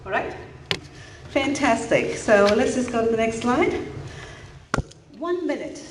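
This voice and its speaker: A woman from India, whose first language is an Indian language, works as a mindfulness coach giving an interactive talk to parents in a school auditorium, encouraging them and asking questions. Her voice sits on the high side with lively intonation and a slightly slow pace. The hall is echoey, with a noisy background and faint room ambience.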